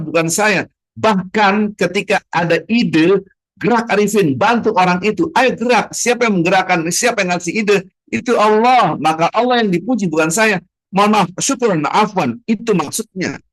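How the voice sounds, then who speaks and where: A middle-aged man from Indonesia giving a dawn sermon in a mosque, lively and dramatic, acting out small dialogues and jumping between loud exclamations and soft asides. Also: on the high side. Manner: acts out little dialogues in sermon. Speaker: preacher.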